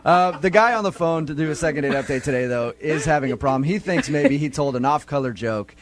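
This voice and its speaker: A man's voice: fairly high pitch, animated. A man co-hosting a morning radio show, joking and teasing in studio banter. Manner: joking, teasing, quick to laugh.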